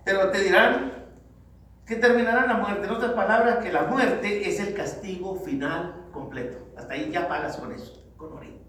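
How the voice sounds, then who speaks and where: A man preaching a sermon to the congregation, calling them brothers, swinging from loud exhortation to low, grave tones. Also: moderate pace. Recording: very echoey hall, distant mic, faint noise.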